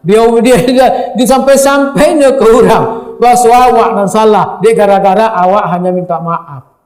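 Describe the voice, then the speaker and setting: A man with a Minangkabau accent preaching a sermon, speaking straight to the listeners in a lively way. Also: high voice, moderate pace, echoey room. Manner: lively, addresses the audience directly.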